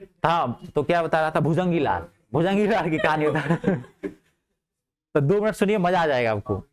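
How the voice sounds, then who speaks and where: A male teacher with a slightly high voice tells a humorous story to his class. He talks in a chatty way and repeats phrases for effect. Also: lively intonation, moderate pace.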